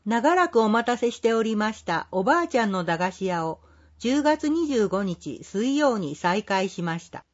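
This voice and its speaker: A woman reading a scripted community announcement in a polite, measured, formal way. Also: mid-range voice, big pitch swings, dull audio. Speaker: care facility staff announcer.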